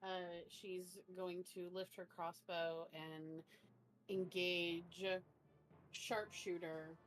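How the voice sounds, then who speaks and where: A female player at a tabletop game, low-key and brief. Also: little pitch movement, drawn-out words. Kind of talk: casual tabletop play.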